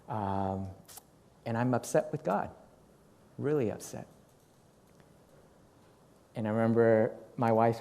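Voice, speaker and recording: A man's voice: lowish voice, a little mellow. A middle-aged male pastor preaching a sermon, telling a personal story and acting out his own reactions.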